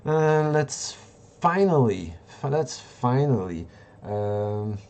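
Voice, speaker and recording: Man from Belgium, hosting a live market stream; slow, mellow delivery, halting and full of fillers. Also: mid-range voice, big pitch swings. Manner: rambling, halting, many fillers and restarts. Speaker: livestream host. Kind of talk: live market analysis and chat.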